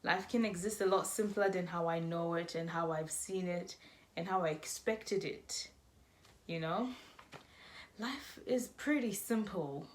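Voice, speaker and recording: A woman's voice: fairly low pitch, unhurried. A woman in her twenties talking casually to camera as a vlogger, chatty and rambling, correcting herself as she goes. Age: 20s. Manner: chatty, rambling, self-correcting, laughing asides.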